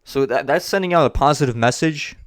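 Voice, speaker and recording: A man's voice: medium pitch, a little fast. A man hosting a business vlog, talking casually to camera and repeating himself as he rambles. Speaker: host of a business channel.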